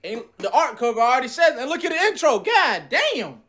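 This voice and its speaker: A man's voice: very high-pitched, fairly quick, crowd noise. A young man reacting on a video call in casual, rowdy, slangy chat with plenty of swearing. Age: young adult. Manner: animated, profane, slangy. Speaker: guest reactor to amateur rap songs. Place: indoor room, video call.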